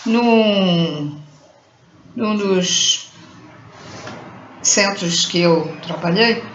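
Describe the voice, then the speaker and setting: A Brazilian woman giving an informal spiritual talk, chanting mantras slowly as examples and groping for words she has forgotten. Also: medium pitch, fairly bright tone, slight background noise. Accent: Brazilian Portuguese. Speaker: spiritual teacher. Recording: roomy, muffled home recording.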